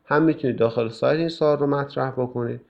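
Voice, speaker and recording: A male English teacher calmly explaining course tasks to students, with frequent fillers. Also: medium pitch, gravelly. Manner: calm, explanatory, with many fillers. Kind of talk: recorded class instructions. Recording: dull lo-fi recording.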